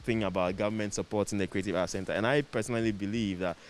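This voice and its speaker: A man's voice: lowish voice, steady tone, fast talker. A man with a Ghanaian accent talking casually as an interview guest, repeating phrases for emphasis. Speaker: interview guest, production set designer. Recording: clear background noise with hiss.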